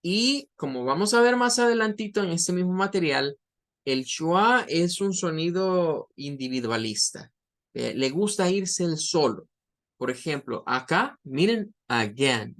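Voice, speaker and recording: Slow, deliberate male English teacher. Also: a little high, lively intonation, a bit bright. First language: Spanish. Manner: slow, deliberate, repeats example words drawn out. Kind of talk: online pronunciation lesson.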